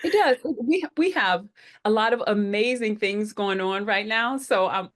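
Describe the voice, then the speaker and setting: A head of operations hosts an online group call, greeting people upbeatly and using lots of fillers. Her voice is mid-range and she talks a little slowly.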